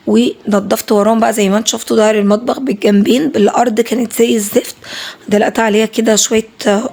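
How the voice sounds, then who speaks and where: A woman with an Egyptian Arabic accent, a home vlogger talking casually over her cleaning footage, fast and emphatic, repeating herself. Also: fairly high pitch, a little mellow.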